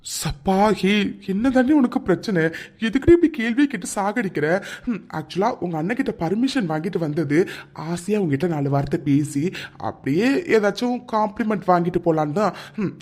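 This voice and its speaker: A man's voice: high-pitched, lively intonation, fairly quick, darkish tone. A man voicing a young male lover in a cartoon, who teases and scolds his fretful sweetheart. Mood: exasperated. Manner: teasing, scolding, exasperated. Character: teasing young male lover, exasperated but fond. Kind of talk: cartoon dialogue.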